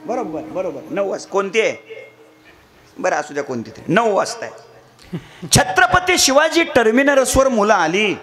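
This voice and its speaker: Middle-aged preacher guy telling a story in a sermon, high voice, pitch all over the place. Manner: animated, theatrical storytelling to an audience. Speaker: kirtan preacher.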